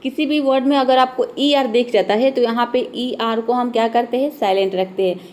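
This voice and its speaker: Young woman, teacher voice, kinda high pitched, keeps saying "theek hai" and spelling stuff out. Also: steady tone, a little mellow. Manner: patient, repeats "ठीक है" and spells words out slowly. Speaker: English teacher. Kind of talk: explaining lesson to viewers.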